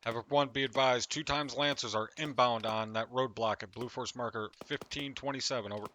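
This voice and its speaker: Bright-voiced man making calm radio fire calls. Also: mid-range voice, brisk. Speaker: squad leader in military simulation game. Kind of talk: tactical radio calls, military role-play. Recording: faint noise, gunfire behind voice.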